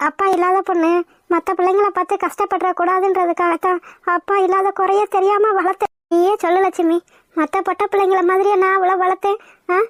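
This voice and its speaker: A woman's voice: very high voice, dry recording, clean studio sound. A woman voicing an older village mother in a cartoon, grieving and bitter, who speaks in a lamenting, reproachful way. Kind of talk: cartoon voice acting.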